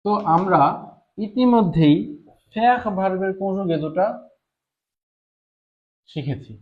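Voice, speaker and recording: A man's voice: high-pitched, animated, takes it slowly, dull audio. A man giving a live online lesson, patiently explaining French words and repeating each one several times. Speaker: French teacher.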